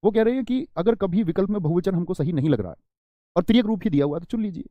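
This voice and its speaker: A man's voice: sits high, expressive, rapid-fire, dry recording, muffled recording. A man teaching a Hindi grammar class online, talking straight to his students, stressing and stretching single words to drive points home. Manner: addresses students as friends, preachy asides.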